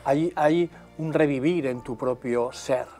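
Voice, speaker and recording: A man's voice: medium pitch, takes it slowly, dark tone, soft background music. Male host quoting scripture in conversation. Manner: quotes scripture and adds short affirmations. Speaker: interview host. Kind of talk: faith interview conversation.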